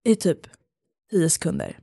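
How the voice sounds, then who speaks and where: A woman's voice: lowish voice, wildly swooping pitch, creaky, warm tone, dry recording, studio quality. A young woman, telling a story in casual podcast chat, acting out quotes and swearing freely.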